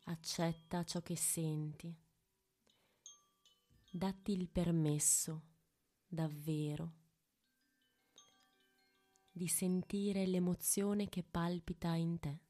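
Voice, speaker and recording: Hushed, very slow woman guiding meditation, close-up. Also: lowish voice, steady tone, faint music behind. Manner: hushed, intimate, close to the ear; long pauses between short phrases. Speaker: meditation guide. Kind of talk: guided meditation, slow and soothing.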